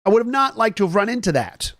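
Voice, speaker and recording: A man's voice: sits high, big pitch swings, quick pace, a bit bright, no echo. A man hosting a casual morning chat stream, rambling through stories and joking with viewers as he reads their comments. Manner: rambling, chatty, jokey asides to viewers. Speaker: host.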